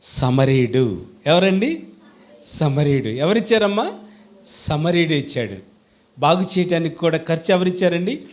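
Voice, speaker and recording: A male preacher with a Telugu accent, delivering a sermon in a lively call-and-response way. His voice sits a little high for a man, and he keeps firing questions at the congregation, shifting between loud calls and quiet asides. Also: a little slow, pauses often. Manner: animated, swings between loud and soft.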